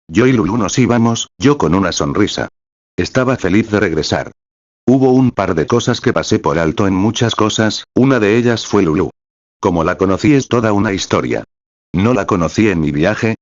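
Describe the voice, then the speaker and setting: A man narrating a story aloud at a slow, even pace. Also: on the low side, no echo, dull audio.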